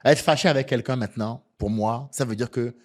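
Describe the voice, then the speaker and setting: A man's voice: mid-range voice, brisk. A man from France and Benin, a comedian, telling his story in a casual interview with emphatic, slangy delivery.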